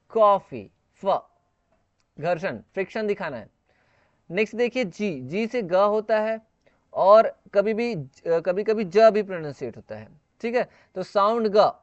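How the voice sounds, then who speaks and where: A man's voice: sits high, smooth, dry recording, dull audio. A man teaching English pronunciation, patiently repeating each sound and asking questions as he explains. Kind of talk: classroom-style lesson.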